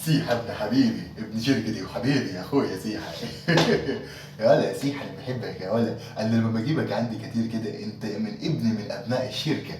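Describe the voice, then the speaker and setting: A man's voice: lowish voice, racing. A man with an Egyptian accent playing an office manager in a comic sketch, speaking with mock-affectionate, sugary sarcasm. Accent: Egyptian Arabic. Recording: echoey room, distant mic, faint noise.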